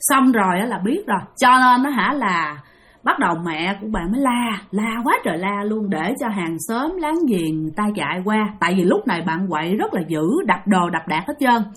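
A woman's voice: mid-range voice, animated, a little fast, fairly bright tone. A woman with a Southern Vietnamese accent telling a ghost story, chatty and addressing listeners directly. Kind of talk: spoken ghost story narration.

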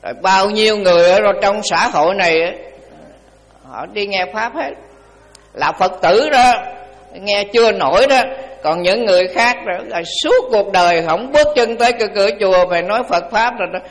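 A man's voice: sits high, normal speed, big-room sound. An older male Buddhist monk giving a dharma talk in a colloquial, repetitive, folksy way.

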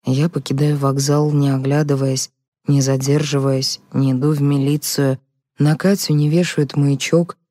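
A woman reads a self-justifying, guilt-ridden male psychologist; low, slow, mumbling. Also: mellow, no echo, clean studio sound. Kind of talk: audiobook character reading.

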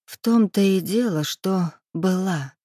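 Stern scheming older club-owner woman, dark-toned, dry; voiced by a woman narrator. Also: medium pitch, slow pace, dry recording. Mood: mocking, stern. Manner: mocking, weary, coolly menacing. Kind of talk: audiobook dialogue reading.

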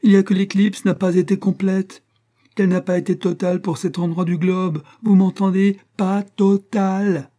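A man's voice: mid-range voice, fairly even intonation, a little fast, mellow, pitched above the performer's own voice, close to an everyday voice. A man reading aloud, voicing an agitated male astronomer who exclaims in a strangled, indignant way. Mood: frantic.

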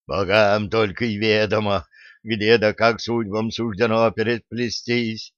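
A man reading the part of a stern old pagan sage in an audiobook, speaking slowly and solemnly. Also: on the low side, little pitch movement, fairly bright tone, dry recording, highs cut off. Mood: stern preaching.

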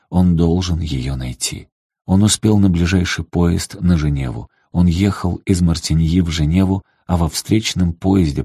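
A man narrating an audiobook novel in a steady, measured way. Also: low-pitched, slightly rough, no room sound, studio quality. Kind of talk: scripted narration.

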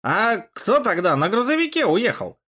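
A man doing an eager young driver. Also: on the high side. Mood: excited. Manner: quick, excited exclamations. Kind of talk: audiobook character voice.

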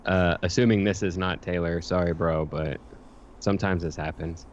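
A very low-voiced man chats as a guest on a podcast, laid-back and joking. The recording is a little dull, with a faint hiss underneath. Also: fairly even intonation, moderate pace. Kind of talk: casual podcast chat.

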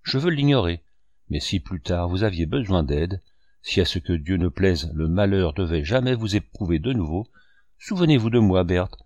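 A man's voice: low voice, animated, normal speed, a little mellow, dry recording. A man reading a novel aloud, voicing a heartbroken and bitter young male artist. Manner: emotional, bitter.

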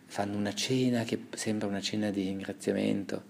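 A man speaking as a priest, giving a measured, reflective homily with a Gospel reading and pausing often to restart his phrases. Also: on the low side, level tone, creaky, a little mellow.

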